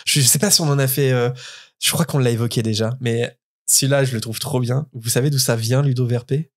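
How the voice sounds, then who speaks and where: A man's voice: medium pitch, fairly even intonation, brisk. A French man hosting a casual podcast, enthusiastic and hesitant with frequent fillers. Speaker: podcast host. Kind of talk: casual chat about book translation.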